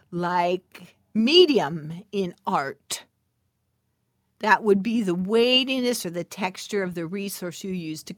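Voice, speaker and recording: A middle-aged woman with a mid-range, fairly bright voice hosts a podcast in studio quality without room sound. Her manner is playful and chatty as she speaks right to her audience, adding asides, laughing, and slipping into whispers to stress things.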